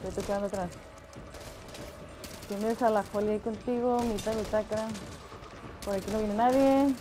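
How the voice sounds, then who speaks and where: A woman commentating a co-op game, excited, repeating callouts rapidly. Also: medium pitch. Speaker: gamer. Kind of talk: co-op gameplay commentary. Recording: game noise behind the voice.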